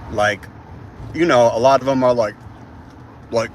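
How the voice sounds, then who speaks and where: A man's voice: mid-range voice, unhurried, a little hiss or hum. A man in his twenties streaming live while driving through a city, chatting casually and rambling. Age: 20s. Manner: rambling, animated, says bro a lot. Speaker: livestreamer. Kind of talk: casual livestream chat.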